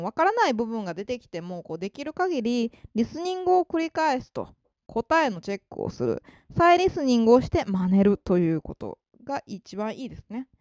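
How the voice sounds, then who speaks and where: A woman explaining how to learn a language in a relaxed spoken lesson. Her pitch rises and falls a lot as she talks, and she stays polite, with many fillers. The recording is dry and close. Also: no echo. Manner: polite, with frequent fillers and emphatic ですね. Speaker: English-learning advisor.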